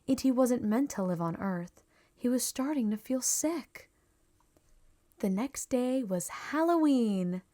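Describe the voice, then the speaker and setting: Reading from a children's storybook, a woman narrates a scripted tale with measured pacing and storyteller's expression, her voice sitting in the middle range.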